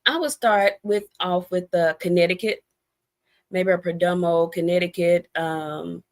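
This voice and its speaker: An American woman, an author and cigar expert, is a guest on an interview and explains things in a chatty, conversational manner. Her voice sits fairly low and she speaks at an unhurried pace.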